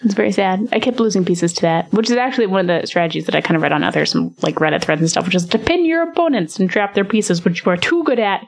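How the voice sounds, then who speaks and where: A woman hosting a podcast, chatting casually about a board game, laughing often, her voice jumping high when excited. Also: fast talker, gravelly, hardly any pauses. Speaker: podcast host.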